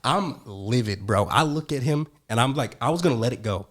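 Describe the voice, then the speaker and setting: A man co-hosting a podcast, telling a story in a casual, animated, profane way. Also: medium pitch, a little fast. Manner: animated, profane, slangy, says "bro" often. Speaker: podcast co-host.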